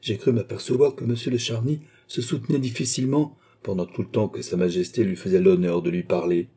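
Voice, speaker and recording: A man's voice: fairly low pitch, steady tone, brisk, warm tone, breathy edge. A man reading an audiobook, voicing a scheming countess who speaks ingratiatingly.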